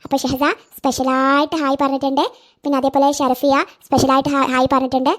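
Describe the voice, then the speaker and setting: Brief: woman host, high voice, casual chatty shout-outs. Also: completely flat delivery, quick pace. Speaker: channel host.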